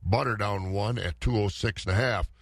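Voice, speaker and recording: A man's voice: lowish voice, normal speed, no room sound, clean studio sound. A man, a morning radio host reading weather and market prices in conversational, clipped phrases.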